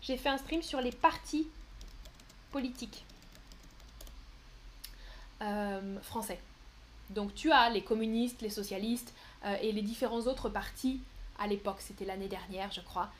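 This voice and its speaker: A woman's voice: mid-range voice, a little hiss or hum. A woman teaching French on a live stream, answering chat questions patiently with examples and frequent hesitations. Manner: patient, explains slowly with examples and frequent "euh"; playful, laughs at her own mistakes. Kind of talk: live-stream language lesson.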